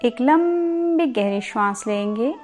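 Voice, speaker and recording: A yoga instructor's voice, pitched on the high side, carries a sleep meditation over faint music. She keeps it calm and soothing, moving deliberately with pauses and words said more than once.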